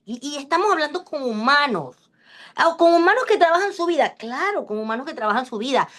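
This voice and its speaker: Casting: woman instructor, fairly high voice, chatty and joking, teaching over a video call. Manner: lively, chatty, jokes with the class. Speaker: class instructor. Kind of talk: online lecture.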